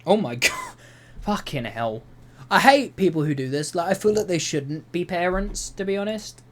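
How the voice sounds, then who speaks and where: A man's voice: sits high, sing-song, normal speed. A young man reading reddit posts aloud and commenting on them in an exasperated, rambling way, swearing often. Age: young adult. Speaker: YouTuber. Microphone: voice-over over gameplay footage.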